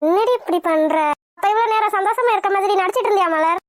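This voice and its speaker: A woman's voice: very high voice, quick pace, no echo. A woman voicing a caring young friend in a cartoon, coaxing and soothing.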